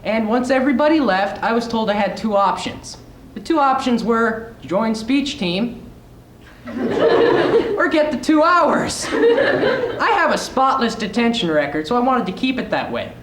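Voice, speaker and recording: A teenage student speech performer tells a comic story to an audience, animatedly acting out the dialogue. His male voice is extremely high-pitched, sing-song, a bit bright, and a little slow. The recording, made in a large echoey indoor room before the audience, is very noisy and echoey.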